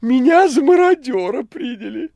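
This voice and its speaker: Хвастливый толстый кот-демон тараторит пронзительно и театрально, будто задыхаясь. Голос с хрипотцой, звук сухой, без эха. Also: male voice, moderate pace, gravelly, dry recording, clean studio sound, heavily acted. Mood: excited. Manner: shrill, breathless, theatrical excitement. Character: boastful fat demon cat-man, excitable. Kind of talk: audiobook reading.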